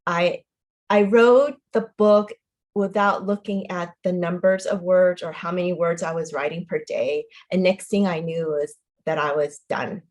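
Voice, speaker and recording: A woman's voice: lowish voice, a little mellow. Modest, cheerful woman author. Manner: modest, cheerful, laughs often, many ums. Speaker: author guest. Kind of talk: casual interview.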